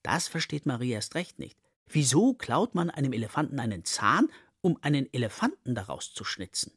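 A man reading a children's story aloud in a slow, expressive way. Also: mid-range voice, slightly rough, no echo, studio quality.

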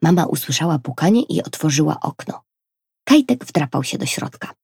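Husky, expressive woman reading a children's story. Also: low voice, normal speed, no room sound, studio quality. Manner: expressive, gentle.

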